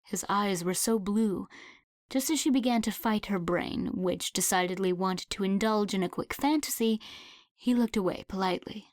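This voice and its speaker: A woman narrates an audiobook in an even, unhurried read at a mid pitch. The recording is dry and close, with no room sound. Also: no echo. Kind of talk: scripted narration.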